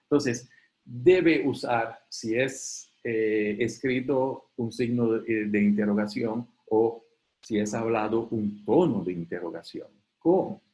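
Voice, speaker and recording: A man facilitating an online webinar. He explains in a conversational way, often checks in with "ok?", and briefly acts out quoted questions in a higher voice. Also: steady tone, takes it slowly, darkish tone, poor audio. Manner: conversational, often tags sentences with "¿ok?". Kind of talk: live online talk.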